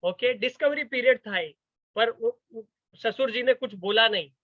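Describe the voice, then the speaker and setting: A man gives a motivational talk as a story, acting out the voices of its characters. His voice sits fairly high. The recording is dry and slightly muffled. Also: normal speed, no room sound. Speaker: motivational speaker.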